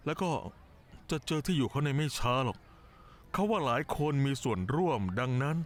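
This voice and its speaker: A middle-aged man playing a calm, protective father in a dubbed TV drama, reassuring and lecturing a young woman. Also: a little high, moderate pace, a little hiss or hum, natural voice. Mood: steady. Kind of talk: Thai-dubbed TV drama dialogue.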